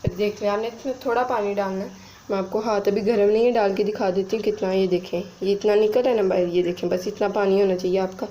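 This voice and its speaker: A young woman chats her way through a recipe in her home kitchen, talking straight to viewers as friends. Her voice sits at an ordinary middle pitch. She often breaks into giggles. A faint hum of kitchen noise runs underneath. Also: mellow, low-quality recording. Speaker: vlogger. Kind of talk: casual cooking vlog.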